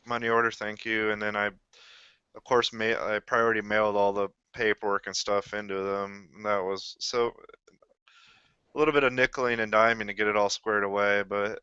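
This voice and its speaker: A man chatting casually on a panel voice call, talking in halting bursts with restarts. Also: lowish voice, level tone, sharp tone, smooth, no echo, muffled recording. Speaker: podcast panelist. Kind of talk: casual chat.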